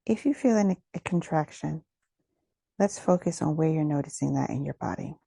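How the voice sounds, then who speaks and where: A woman with a deep, soft, breathy voice leads a guided meditation; she is expressive yet gentle and soothing, unhurried, pausing between phrases. The sound is clean studio audio with no room sound.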